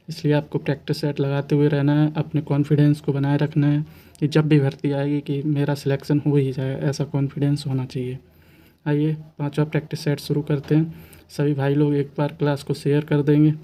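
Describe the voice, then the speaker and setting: Mellow-voiced male exam coach, flat delivery. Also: fairly high pitch. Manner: patient, repeats questions and answers, asks rhetorical questions. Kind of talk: explaining quiz answers to students.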